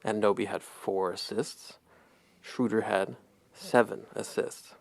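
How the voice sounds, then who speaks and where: Gravelly low-voiced man in casual sports chat. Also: steady tone, unhurried, no room sound. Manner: rambling, laughs at his own stat jokes. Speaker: podcast co-host.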